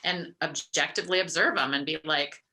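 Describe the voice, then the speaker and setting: Female coach guest, very low pitch, sharp and bright timbre, thoughtful and hesitant. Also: a little fast, rough recording. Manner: thoughtful, hesitant, many fillers and restarts. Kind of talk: casual interview chat.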